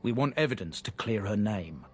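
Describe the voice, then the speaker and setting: A man with a low-leaning, slightly rough voice gives an expressive reading at a moderate pace. In the role of a video game's proud merchant from a disgraced noble family, he comes across as earnest, blunt, and plain-spoken.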